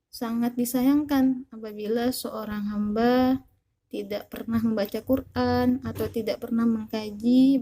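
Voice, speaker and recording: Slow, over-enunciating Indonesian woman teacher. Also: a little high, mellow, a little hiss or hum. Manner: over-enunciating, deliberately stretched and stressed syllables. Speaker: Quran reading teacher. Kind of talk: slow instructional lesson with recitation demonstrations.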